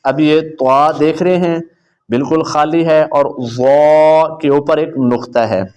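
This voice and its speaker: A man teaching beginners the Arabic letters, drawing out each letter name in a slow chant between quick explanations. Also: fairly high pitch, steady tone, darkish tone, smooth. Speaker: Quran teacher.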